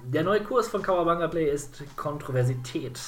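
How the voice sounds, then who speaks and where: A man's voice: fairly high pitch, animated, moderate pace. A man co-hosting a casual games podcast, rambling with many fillers and self-corrections. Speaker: podcast co-host. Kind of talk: casual game podcast chat.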